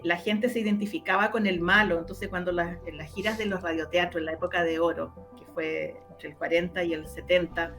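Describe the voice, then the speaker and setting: Speaking in a lowish, sharp voice, a woman with a Chilean accent talks through a conversational interview about her work producing radio drama and audio stories. Her delivery is thoughtful and expressive. She leans on repeated words to drive her points home.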